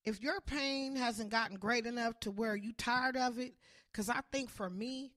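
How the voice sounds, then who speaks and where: A woman in her forties, a comic and jail case manager, chatting casually in a podcast, slangy and animated, breaking into loud acted-out bits. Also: fairly high pitch, normal speed. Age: 40s.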